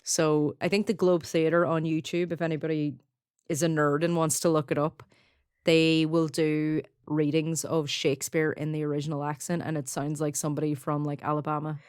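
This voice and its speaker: Low-voiced Donegal Irish woman, dry sound. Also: flat delivery, normal speed, a little mellow, smooth, no room sound. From Donegal, Ireland. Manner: chatty, laughs often, frequent "like" fillers. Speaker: podcast co-host. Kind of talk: casual chat.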